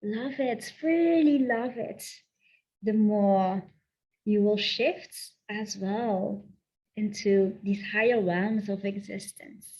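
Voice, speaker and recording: With a medium-pitched voice captured in dull audio, a Dutch-accented woman from the southern Netherlands leads a channeled guided session as a spiritual coach. Her delivery is slow, soft and affirming, circling back to repeat phrases.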